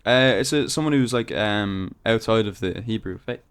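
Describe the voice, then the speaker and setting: A man's voice: on the low side, normal speed, clean tone. A man in his twenties, a podcast guest chatting casually, laid-back and laughing, trailing off with fillers. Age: 20s. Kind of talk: casual chat.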